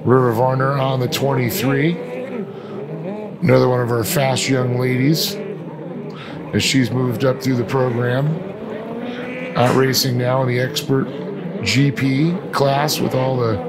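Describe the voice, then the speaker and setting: A man announces a live watercraft race using colloquial, folksy racing slang. His medium-pitched voice is flat, a little slow and full of pauses, with loud outdoor engine noise behind it.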